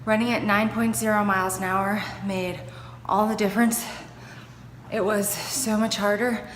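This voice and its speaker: A woman's voice: mid-range voice, flat delivery, normal speed. A woman giving a casual fitness vlog, talking straight to her viewers in an emphatic, step-by-step way. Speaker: fitness vlogger. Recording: noisy, constant vehicle-like background hum.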